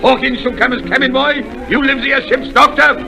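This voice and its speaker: An actor playing a boastful, excitable country squire in a 1930s radio drama, talking in a theatrical, exclaiming way. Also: male voice, extremely high pitch, fairly quick, gravelly, music in the background. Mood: excited. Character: blustering, boastful middle-aged country squire.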